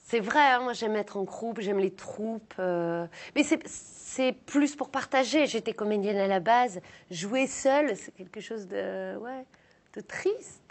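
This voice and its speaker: A woman's voice: medium pitch, slow pace. A young woman comedian from the south of France, chatting casually and self-mockingly in an interview, with lots of fillers and restarts. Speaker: comedian guest.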